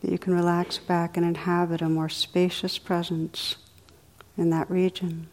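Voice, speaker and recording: A woman leading a guided meditation in a soothing, unhurried way, with soft, drawn-out phrasing. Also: fairly low pitch, little pitch movement. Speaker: meditation teacher.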